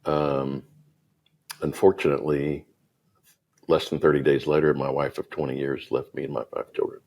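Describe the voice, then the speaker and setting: A middle-aged man speaks in an extremely low, gravelly voice with a rough, husky texture. He tells his business story casually as a podcast guest and acts out the people he talks about. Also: flat delivery, moderate pace, a little mellow. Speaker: guest entrepreneur.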